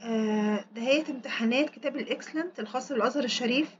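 High-voiced Egyptian woman teacher. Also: highs cut off, a little hiss or hum. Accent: Egyptian Arabic. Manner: quick Arabic explanation, slow deliberate English repetition, spells words out. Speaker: English teacher. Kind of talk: recorded exam walkthrough lesson.

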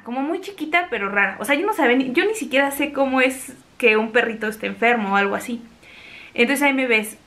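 A young woman with a Mexican accent telling a personal story in a chatty, animated way. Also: on the high side. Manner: chatty, animated, acts out quoted voices. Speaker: vlogger. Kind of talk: casual storytelling.

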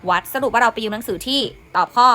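Young female English tutor, bright voice, patient and repetitive explanations. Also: on the high side, fast talker. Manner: patient, repeats words and meanings, says "นะคะ" often. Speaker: English teacher. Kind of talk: explaining an English exam in Thai.

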